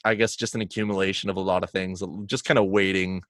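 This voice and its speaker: Young man, low and hesitant. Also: level tone, fast, fairly bright tone, no echo, studio quality. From Canada. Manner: hesitant, many fillers. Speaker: guest podcaster. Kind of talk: casual interview chat.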